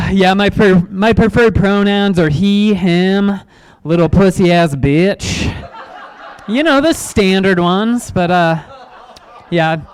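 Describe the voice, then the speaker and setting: A man from Illinois doing stand-up on a club stage, with a smooth, resonant voice pitched high. He pokes fun at himself in a dry, deadpan way. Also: slow pace. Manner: self-deprecating deadpan jokes. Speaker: guest comedian. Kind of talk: stand-up comedy.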